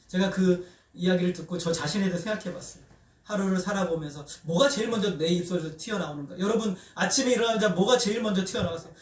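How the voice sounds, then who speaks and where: A man preaching a sermon as pastor, animatedly asking the congregation questions and leading them in call-and-response. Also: sits high. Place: church sanctuary. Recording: roomy church hall, voice from a distance.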